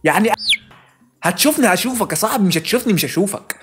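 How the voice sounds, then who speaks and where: A man's voice: high-pitched, expressive, music in the background. A man with an Egyptian Arabic accent ranting in a comic monologue, with curses he cuts off mid-word. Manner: rapid exasperated ranting with clipped-off curses. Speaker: comedy video host.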